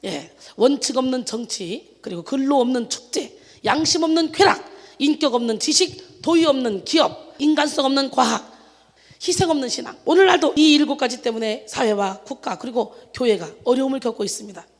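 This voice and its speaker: A woman's voice: sits high, animated, a little fast, big-room sound. A woman pastor preaching a sermon in an emphatic manner, with exclamations of hallelujah and rhetorical questions to the congregation.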